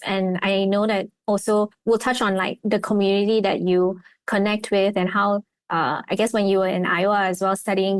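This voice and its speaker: A young Malaysian woman hosts a podcast interview, friendly and chatty, using many fillers in a casual conversation. Her voice is medium-pitched, with no room sound.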